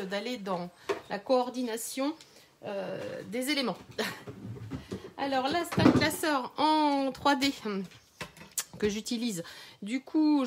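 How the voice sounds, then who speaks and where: A woman's voice: a little high, slight background noise. A woman runs a live crafting tutorial, chatting to viewers with many hesitations and little laughs, recorded on a phone. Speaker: craft demonstrator.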